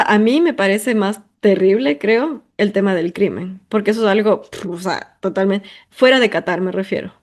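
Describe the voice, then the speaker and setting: A woman's voice: medium pitch, darkish tone. A woman from Ecuador, hosting a personal monologue in an emphatic, talkative way full of intensifiers and fillers. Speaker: podcast host.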